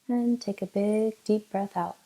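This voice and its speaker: A meditation teacher guides a session, her instructions gentle, unhurried and broken by long pauses. She speaks at a medium pitch with a steady tone. The audio quality is poor.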